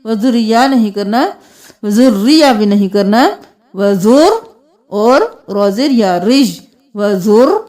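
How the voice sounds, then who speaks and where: A woman's warm, mid-range voice moves with lively intonation as she gives a tajweed reading lesson. She lengthens each word as she recites it, then briskly names the letters with clear explanations.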